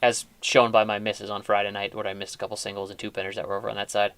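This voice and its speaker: A man's voice: on the low side, flat delivery, rapid-fire, a bit bright, no room sound. A man hosting a casual chat, talking in a chatty, rambling way with frequent restarts. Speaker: host.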